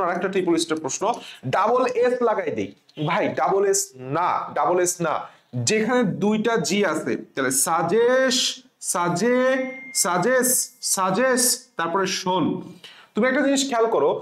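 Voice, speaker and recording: A tutor with a Bangladeshi Bengali accent giving an online revision lecture, spelling words out slowly letter by letter, repeating them, and asking the class questions before answering them. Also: medium pitch. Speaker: admission exam tutor. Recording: echoey room.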